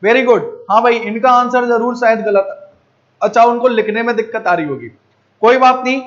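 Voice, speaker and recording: A man's voice: very high voice, moderate pace, a bit bright, dull audio. A man teaching math in a live online class, coaxing students and checking again and again whether they understood. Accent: Rajasthani Hindi.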